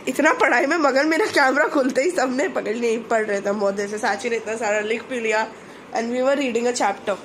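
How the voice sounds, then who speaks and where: Young woman chatting on her vlog, high voice, lots of laughing and teasing, bit of faint noise behind. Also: normal speed. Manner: chatty, teasing, laughs often, mixes Hindi and English. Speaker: vlogger. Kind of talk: casual vlog chat.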